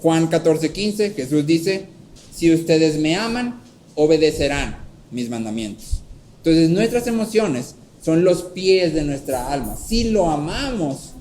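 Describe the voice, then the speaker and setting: A man preaching a sermon, teaching step by step and often checking in with a quick "¿sí?", and acting out a story with lively voices. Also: a little high, a little hiss or hum, poor audio. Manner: checks in with frequent "¿sí?". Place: church hall.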